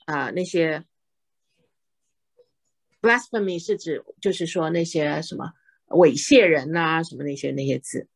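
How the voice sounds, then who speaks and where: Woman English tutor, patient drill style, husky voice, dry close recording. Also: low-pitched, no echo, low-quality recording. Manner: patient, repeats words slowly and explains in Chinese. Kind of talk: one-on-one pronunciation lesson.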